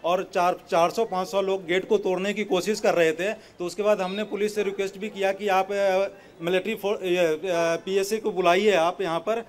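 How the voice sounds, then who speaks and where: A man's voice: sits high, steady tone, normal speed. A man at the scene hesitantly complaining to a reporter about the police response. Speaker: resident witness.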